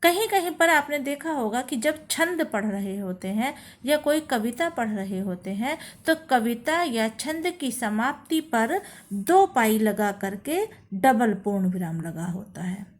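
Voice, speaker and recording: A woman teacher walks her students through a grammar lesson at an unhurried pace. Her voice sits a little high, and she leans hard on each example phrase. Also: expressive. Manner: slow, deliberate explaining, stresses example phrases. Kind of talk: classroom lesson.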